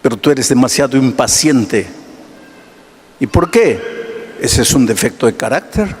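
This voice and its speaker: A male pastor preaching a sermon, swinging between hushed low passages and raised ones, asking his listeners questions and answering them himself. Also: animated, measured pace, big-room sound, slight background noise.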